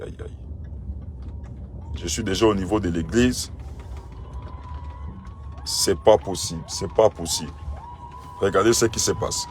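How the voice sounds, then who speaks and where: Exclaiming pastor outside a church. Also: male voice, deep voice, a little hiss or hum. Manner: exclaiming, repeats himself in disbelief. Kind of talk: phone video to followers, then addressing a crowd. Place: outside a church among a crowd.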